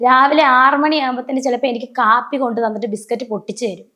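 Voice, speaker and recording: A woman with a fairly high, racing voice recounts stories in an emotional personal interview. She performs the voices of the people she quotes with animation, often breaking off to restart or correct herself.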